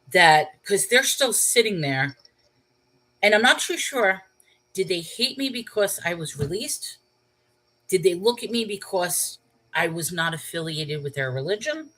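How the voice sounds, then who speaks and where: A woman from New York tells a personal story to her livestream viewers, her voice sitting on the low side. She talks casually and keeps checking in with "okay?" and "all right?" She also wonders aloud with rhetorical questions. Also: very animated, unhurried, fairly bright tone, poor audio. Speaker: channel host.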